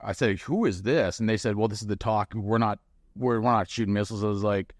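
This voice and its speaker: Deep-voiced blunt man telling war stories. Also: quick pace, dry recording, studio quality. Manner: blunt, profane, animated storytelling. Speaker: guest, former bomb disposal chief. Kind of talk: casual storytelling conversation.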